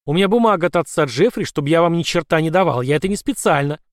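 A man doing a shrill panicky demon clerk. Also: animated, fast talker, dry recording, clean studio sound, lightly acted. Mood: panicked. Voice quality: shrill, pleading. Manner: desperate, whining.

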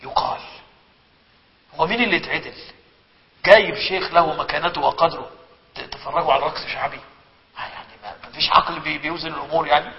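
A man with an Egyptian accent giving a religious lesson as a sheikh, asking rhetorical questions and telling stories in a lively way. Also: fairly high pitch, fast, pauses often. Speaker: sheikh teaching a book. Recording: echoey hall, dull lo-fi sound.

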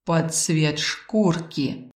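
A woman voicing a sly, slow-purring bodiless male spirit. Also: fairly even intonation, recorded from a distance. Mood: teasing. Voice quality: soft purring baritone, sly and unhurried. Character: teasing disembodied male sleeper spirit with a tail. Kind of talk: audiobook character voice. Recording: roomy echo.

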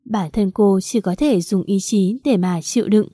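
Woman storyteller, mellow dry voice, even read-aloud narration. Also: medium pitch, normal speed, slightly rough, no echo. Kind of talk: scripted narration of a romance story.

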